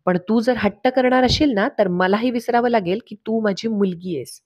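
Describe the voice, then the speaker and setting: A woman's voice: fairly high pitch, normal speed, a little mellow, no echo, lightly acted. A woman voicing a domineering wealthy mother, reading her orders in a cold, commanding tone while recapping a TV serial. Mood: stern.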